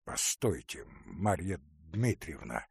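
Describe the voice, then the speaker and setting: A weary, stern nobleman, read by a man who speaks in a cold, hollow, restrained voice. He talks slowly and deliberately. The sound is dry and close. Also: mid-range voice, sing-song, a little mellow, dry recording, full character voice. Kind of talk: audiobook character reading.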